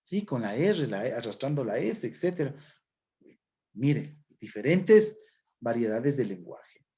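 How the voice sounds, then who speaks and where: With a medium-pitched, mellow voice that has a breathy edge and big pitch swings, an Ecuadorian teacher lectures unhurriedly to his class. He walks through the material step by step, frequently checking in with listeners, on a dull lo-fi recording.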